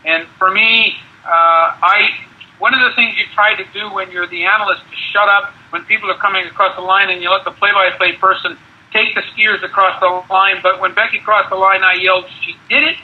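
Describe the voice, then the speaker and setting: High-voiced older man recalling a coaching career, muffled. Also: level tone, brisk, husky. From Canada. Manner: rambling with many restarts and repeated words. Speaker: guest, ski area manager and former cross-country ski coach. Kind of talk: conversational interview.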